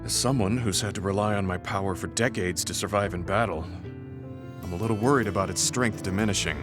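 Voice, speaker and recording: An actor voices a weary, remorseful older veteran soldier in an English-language video game, a humble, self-reproachful man. His deep, natural male voice is earnest, apologetic, and measured, carrying a somber, resigned mood over game music.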